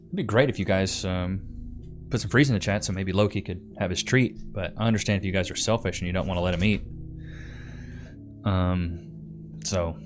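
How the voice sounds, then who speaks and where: This is a low-voiced young man from Texas, speaking at a normal speed with long pauses while soft music plays behind him. He hosts a live stream, reading comments and chatting in a relaxed, rambling manner, often repeating himself and dropping "bro."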